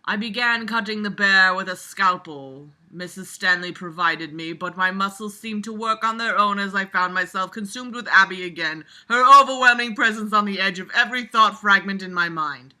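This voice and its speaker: With a sharp, mid-range voice, a woman reads at a moderate pace with few pauses, keeping it casual while she ridicules the text. She comes across as sarcastic, exasperated and foul-mouthed, an amateur commentator with a regular audience.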